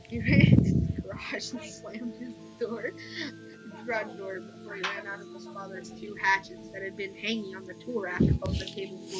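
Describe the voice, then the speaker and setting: A young woman with a slightly high voice reads a horror story casually, tripping over lines and restarting them often. The creepypasta reading has background music, and the recording quality is low.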